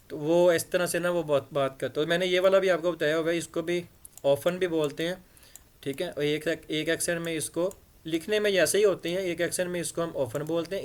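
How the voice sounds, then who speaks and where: Slow-explaining male English teacher. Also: on the high side. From Punjab. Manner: explains in Hindi-Urdu, reads English phrases slowly; hesitant, many fillers and repeats. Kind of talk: casual spoken lesson.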